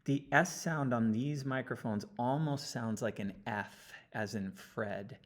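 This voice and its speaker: A man talking through an audio analysis step by step, often checking in with a quick "okay?". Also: medium pitch. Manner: explanatory, checks in with frequent "okay?". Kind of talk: screen-recorded audio analysis walkthrough. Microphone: computer mic, sitting close.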